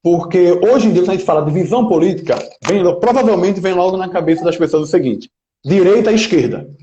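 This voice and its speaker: Roomy-sounding young Pernambucan man, mellow. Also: high voice, quick pace, a little hiss or hum. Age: 20s. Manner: emphatic, speechmaking, leans on "né?" tags. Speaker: local political pre-candidate interviewee. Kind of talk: earnest interview answers. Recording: roomy, slightly dull lo-fi sound.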